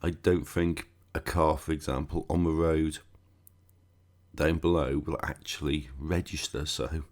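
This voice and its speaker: In a rumbling low voice that's slightly mellow, a gaming channel host with a cold narrates a walkthrough in a relaxed, unhurried way. He sounds croaky and blocked up, keeps his intonation fairly even, and drops sarcastic comments along the way.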